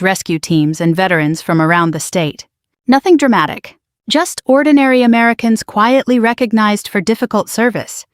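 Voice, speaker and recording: A woman narrating a first-person story in a measured, quietly dramatic manner. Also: mid-range voice, no room sound, clean studio sound.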